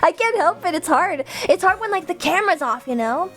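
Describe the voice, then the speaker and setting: A young woman VTuber chatting casually with her livestream viewers in a cute, playful, animated anime-streamer manner, talking nonstop. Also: extremely high pitch, fairly quick. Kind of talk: casual livestream chat, reading and answering viewers' messages. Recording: music playing behind the voice. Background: music.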